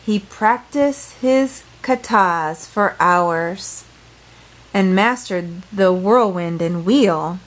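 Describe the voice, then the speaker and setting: Slow-paced woman reading a children's story. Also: medium pitch, poor audio. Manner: playful, dramatic. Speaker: storyteller reading a picture book aloud. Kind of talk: expressive children's read-aloud with brief asides.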